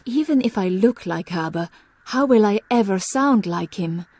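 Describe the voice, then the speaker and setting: A woman's voice: medium pitch, expressive, normal speed, a little mellow, slight background noise, close to an everyday voice. A woman voicing a bold, determined female spy in an adventure game, with a poised, theatrical delivery. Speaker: game heroine.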